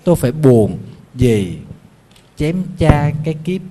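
A man, a Buddhist monk giving a lively sermon and telling folk stories with playful asides. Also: a little high, slow. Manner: lively, jokey, acts out animal voices in the story.

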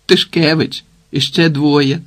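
Man playing a scared, weepy peasant boy, high and plaintive, storybook tale. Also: level tone, takes it slowly, fairly bright tone. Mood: tearful. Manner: sobbing, plaintive. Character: frightened tearful peasant boy.

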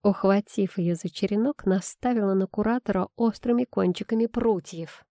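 Woman reading a fantasy audiobook, mellow low voice, calm and a bit ironic. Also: moderate pace, no room sound, clean studio sound. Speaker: audiobook narrator. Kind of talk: first-person fantasy audiobook narration.

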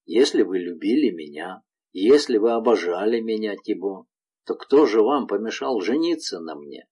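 A man reading aloud voices a frightened, gentle young village woman in a tender, pleading manner. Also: lowish voice, sing-song, moderate pace, breathy edge.

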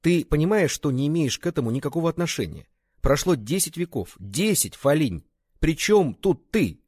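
An earnest, protective young man speaks with insistent force, his voice lifted above the reader's own. A man reads him aloud in a storybook reading, the tone husky and a little breathy. The recording is dry and close. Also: a little high, big pitch swings, moderate pace, a little mellow, no echo, voice pushed up.

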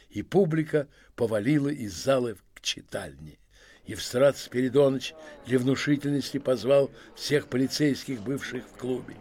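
A man narrating a classic story in a measured, expressive audiobook reading. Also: on the high side.

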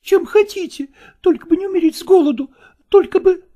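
A woman's voice: very high voice, fairly quick, warm tone. A woman voicing a stubborn young novice actress in an audiobook drama, insistent and pleading.

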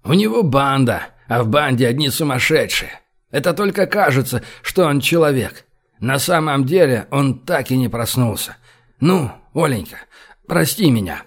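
A domineering man in charge, read by the male narrator, gruff when he gives orders and slow and low when he coaxes. His voice sits in a middle pitch and keeps an even weight. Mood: coaxing. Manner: gruff commands, then soft coaxing. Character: domineering middle-aged male leader, brutal yet doting.

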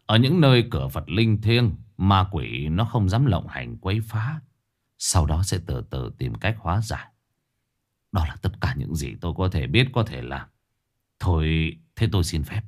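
A man playing a weary, resigned old male exorcist who talks slowly and gravely. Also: low voice, very animated, voice pushed down. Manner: slow, apologetic, grave.

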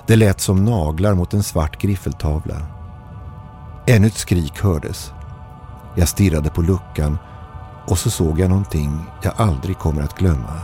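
A man reading a scripted first-person horror story in a tense, measured way. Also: sits low, warm tone. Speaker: horror podcast narrator. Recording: faint music bed behind.

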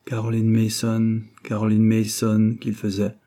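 A man's voice: lowish voice, monotone, a little slow, warm tone. A man voicing an angry, gossiping working-class landlady who scolds indignantly, in an audiobook reading. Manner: indignant, scolding, breathless storytelling.

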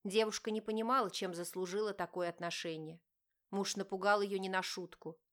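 A woman reading a romance novel aloud in steady, expressive scripted narration. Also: medium pitch, fairly quick. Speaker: audiobook narrator.

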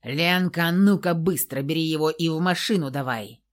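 A woman voicing an enraged older father who shouts in indignant defiance in an audiobook. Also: low-pitched, moderate pace, close to an everyday voice.

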